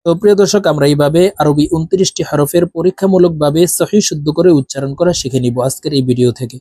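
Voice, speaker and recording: A man teaching Quran reading, chanting Arabic letters one by one in long drawn-out tones for viewers to repeat. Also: on the high side, dark tone, breathy edge, no echo, studio quality. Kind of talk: Arabic letter pronunciation lesson.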